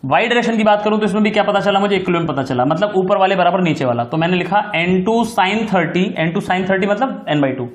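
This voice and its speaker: A man's voice: sits high, quick pace, few pauses, reverberant. A man teaching a physics class in mixed with terms, repeating key steps and checking often whether his students follow. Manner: affectionate address to students. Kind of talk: recorded classroom lecture.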